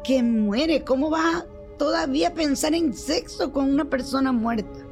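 An older woman, telling a true story in an animated way and acting out the people she quotes. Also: high voice, moderate pace, soft background music. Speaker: storyteller guest.

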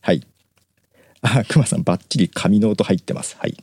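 A man's voice: lowish voice, moderate pace, a little mellow, husky, dry recording. A man hosting a casual live-stream show, reading out listener messages in a chatty way and laughing often between remarks. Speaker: host.

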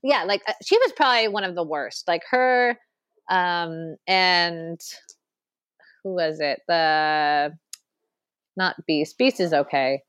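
A woman co-hosting a podcast in casual chat, animated and ranting, with quick asides and laughs. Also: lowish voice, clear, resonant tone, dry recording. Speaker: podcast co-host.

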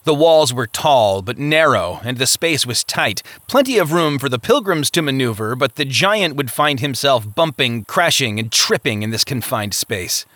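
A man narrating a novel in a steady storytelling manner, lightly voicing the characters' lines. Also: medium pitch, moderate pace, few pauses, no echo. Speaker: audiobook narrator.

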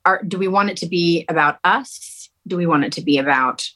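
A woman's voice: fairly low pitch, brisk, sharp tone. A woman guest singer on a video call, talking in an easygoing, agreeable way. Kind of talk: casual chat.

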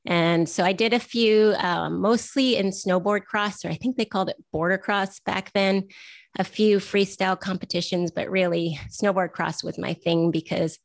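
Woman from vancouver, forties, gravelly voice, dry close sound, chatty interview guest. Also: medium pitch, steady tone, normal speed, dry recording. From Vancouver, Canada. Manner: chatty, self-deprecating storytelling. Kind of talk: casual interview conversation.

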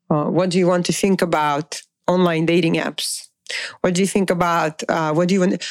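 A middle-aged woman with a lowish, darkish voice gives an informal, unscripted motivational talk as a dating coach, and there's no echo. She's emphatic and repetitive, putting rhetorical questions to the listener.

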